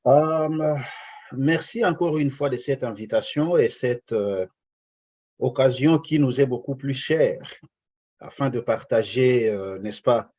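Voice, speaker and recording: Guy from eastern congo as a radio guest, talks real slow, lots of pauses and uh's. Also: mid-range voice, darkish tone. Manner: slow and deliberate, many hesitations. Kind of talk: radio interview.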